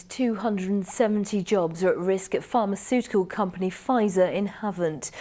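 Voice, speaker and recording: Lady reading the evening news, steady and formal. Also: medium pitch. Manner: measured, formal. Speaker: news presenter.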